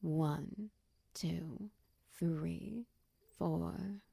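A woman in a close-mic comfort roleplay, speaking softly and soothingly to a partner, slipping into whispers and guiding slow breathing counts. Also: fairly low pitch, vocal fry, husky, no echo. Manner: soft, soothing, slips into whispers.

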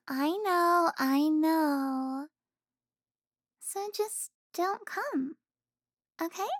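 A young woman playing an affectionate, teasing girlfriend in an intimate audio roleplay, speaking softly with sighs and giggles. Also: extremely high pitch, very slow, no room sound, studio quality, exaggerated voice.

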